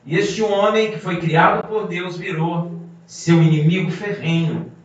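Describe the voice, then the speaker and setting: A man preaches a sermon in a slightly high voice, pressing his points with rhetorical questions. He sounds far from the microphone in a heavily echoing hall. The sound is dull and muffled. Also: fairly even intonation, measured pace. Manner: emphatic, rhetorical questions to the congregation. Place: congregation hall. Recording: muffled, very echoey hall from a distance.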